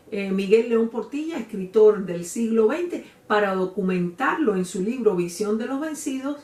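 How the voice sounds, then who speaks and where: A woman teacher explaining a text slowly, filling pauses with "eh" and checking in with "¿eh?". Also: mid-range voice, darkish tone, distant mic. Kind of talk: explanatory literature lesson. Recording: roomy echo, voice away from mic.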